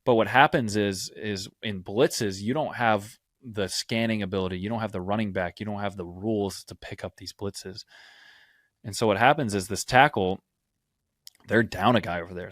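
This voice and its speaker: A man co-hosting a football podcast breaks down plays from game film at a moderate pace, often checking in with "right?". His voice is on the low side with a fairly bright tone, and the recording is dry with clean studio sound.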